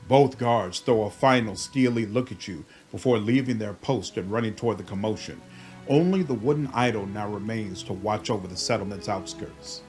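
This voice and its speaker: A man's voice: on the low side, normal speed, darkish tone, faint music behind. A man commenting on and narrating a video game as he plays. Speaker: gamer, let's play host. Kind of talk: casual game commentary and dramatic read-aloud narration.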